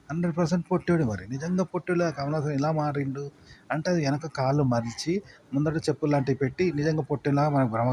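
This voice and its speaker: Fast-talking man teaching. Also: medium pitch, a little mellow, a little hiss or hum. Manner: rambling, repetitive explaining with fillers. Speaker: content creation teacher. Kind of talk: casual spoken lesson.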